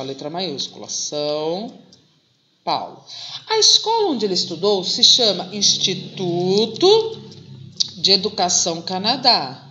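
A woman's voice: mid-range voice, pushed and bright. Patient Brazilian woman teaching a lesson. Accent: Brazilian Portuguese. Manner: patient, explains slowly with many "tá?" and "né?" checks. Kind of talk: classroom lesson video. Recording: echoey room, slightly dull sound.

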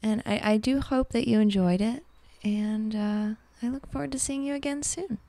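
A woman artist and teacher giving a calm, reflective talk over an art demonstration, soft and unhurried with fillers. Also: a little high, no echo.

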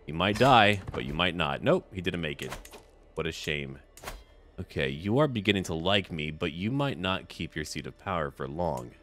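Over background music, a man who hosts gaming videos comments casually on a strategy game, reading snippets aloud and making short remarks to himself. His voice sits low but carries a fairly bright tone.

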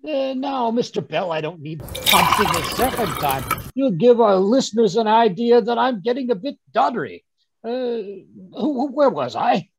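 Man acting husky, doddery, blustering old Doctor Watson. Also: very high-pitched, very animated, normal speed, full character voice. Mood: testy. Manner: stammering, blustering, fussy. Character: testy, doddery, elderly Doctor Watson reminiscing. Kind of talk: 1930s radio drama acting. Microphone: video call. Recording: dull lo-fi video call audio.

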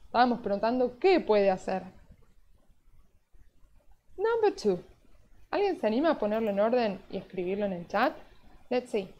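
A woman's voice: on the high side, lively intonation, moderate pace, long pauses. A woman teaching English in a live online class, moving between English and Spanish, patient and explaining step by step with frequent "yes?" check-ins. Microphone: video call. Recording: dull, lo-fi online class audio.

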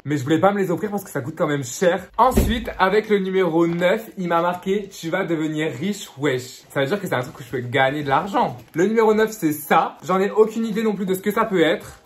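A young man unboxing gifts in a casual vlog, excitable and gushing, stacking repeated words for emphasis. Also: high-pitched. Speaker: YouTuber.

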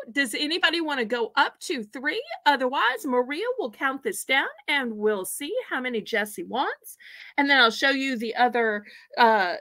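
A woman's voice: high-pitched, pushed and bright. A woman hosting a live online auction from home, chatty and folksy as she counts out items for bidders.

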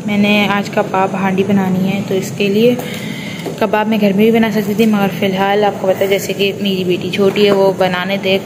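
A woman's voice: medium pitch, completely flat delivery, normal speed, noisy background. A young woman from Karachi with a Pakistani Urdu accent, chatting casually to viewers as a family vlogger and showing her things one by one. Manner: chatty, addresses viewers directly, shows items one by one. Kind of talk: casual vlog narration.

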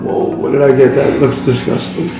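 Playful young dad, casual family chat while tasting nasty jelly beans, roomy sound under loud music. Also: male voice, medium pitch, fairly even intonation, moderate pace, creaky. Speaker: father in a family challenge video. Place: indoor dining room at a glass table. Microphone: camera across the table. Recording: echoey room with loud music.

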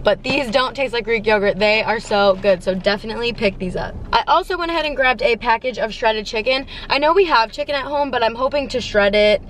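A woman's voice: fairly high pitch, brisk, few pauses, slight background noise. Bubbly young woman chatting in a car. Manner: bubbly, chatty, animated hand gestures. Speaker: vlogger. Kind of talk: casual grocery haul chat. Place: parked car. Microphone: camera on dashboard.

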